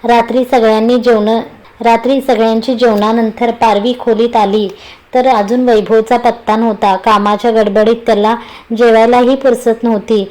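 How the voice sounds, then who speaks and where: A woman reading a romantic story aloud as narrator in a steady storybook manner. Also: fairly high pitch, normal speed, low-quality recording.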